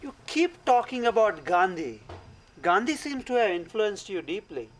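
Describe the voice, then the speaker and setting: An actor playing a middle-aged doctor turned stubborn film producer, insistent and exasperated in conversation. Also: male voice, high-pitched, very animated, moderate pace, slight background noise, low-quality recording. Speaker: doctor and aspiring filmmaker.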